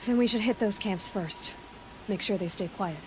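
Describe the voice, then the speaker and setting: A woman's voice: mid-range voice, moderate pace, a little hiss or hum, natural voice, poor audio. Woman playing Aloy, wry determined young huntress. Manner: wry, direct. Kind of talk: video game dramatic dialogue.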